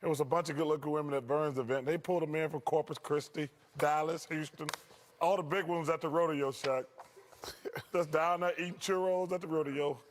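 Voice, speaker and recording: A man's voice: a little high, fairly even intonation, fairly quick, a little hiss or hum. A man on a TV sports panel, teasing and chuckling as he repeats the same joke. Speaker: TV basketball analyst. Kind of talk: joking studio banter.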